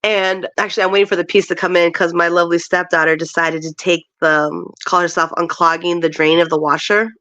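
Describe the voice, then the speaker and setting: A woman's voice: on the low side, level tone, a little fast, hardly any pauses, a bit bright, no echo. A woman from Chile, a stepmother of a big household, chatting casually, laughing and rambling as she tells stories. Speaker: guest, stepmother of a large household. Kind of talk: casual chat.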